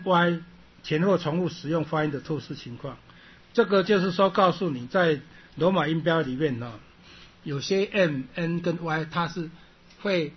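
Male lecturer, husky voice, throat-clearing, repetitive classroom delivery, dull lo-fi recording. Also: on the high side. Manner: repeats points, ends phrases with a drawn-out "ha", clears throat often. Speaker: Sanskrit teacher.

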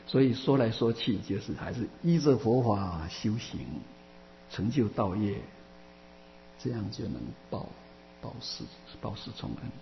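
A man gives a Buddhist Dharma talk in a gravelly, fry-tinged voice, often stopping to restart his sentences and stretching out his fillers. His voice carries a long hall reverb. The recording is dull and muffled, with a faint hum underneath. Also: fairly low pitch. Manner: halting, many restarts and drawn-out fillers. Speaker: Buddhist teacher answering questions.

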